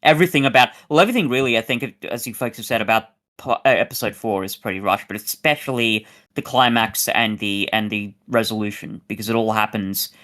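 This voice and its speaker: A man's voice: on the low side, fairly quick, pushed and bright. Guy rambling on a review podcast, lots of restarts, voice jumps up when he gets going. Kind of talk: casual chat.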